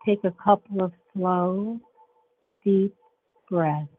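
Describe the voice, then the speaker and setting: A woman leading a guided relaxation meditation in a soothing, measured way, with long pauses between short phrases. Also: mid-range voice. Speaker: show host and guided imagery facilitator. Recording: dull lo-fi sound with faint background noise.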